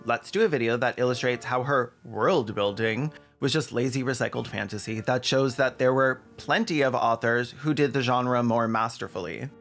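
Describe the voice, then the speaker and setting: A mid-pitched, slightly bright man hosts a comedic video essay, sarcastic and irreverent. It is scripted yet full of casual asides, delivered at a moderate pace with few pauses, over faint background music.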